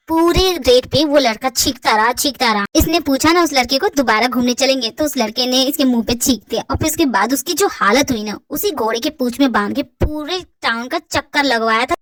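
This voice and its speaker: High-pitched woman doing fan drama voices, teasy banter. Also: dry recording. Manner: teasing, bantering. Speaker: fan-fiction voice actor. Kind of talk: hobby audio drama dubbing.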